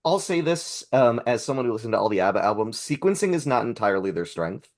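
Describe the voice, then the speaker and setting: A man's voice: medium pitch, sing-song, fast talker. A man talking about music in casual discussion, earnest and effusive in his praise.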